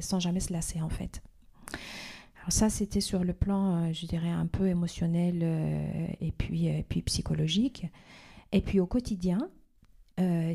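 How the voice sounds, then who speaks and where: Woman, fifties, from Iran, podcast guest, warm low voice, hesitant. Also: gravelly. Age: 50s. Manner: hesitant, many fillers and restarts. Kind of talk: reflective interview talk.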